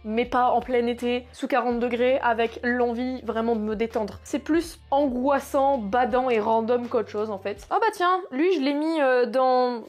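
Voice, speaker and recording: A woman's voice: a little high, unhurried, hardly any pauses, soft background music. Chatty young woman reviewing books. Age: 20s. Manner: chatty, slangy, self-mocking asides. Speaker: book vlogger. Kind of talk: casual book review vlog.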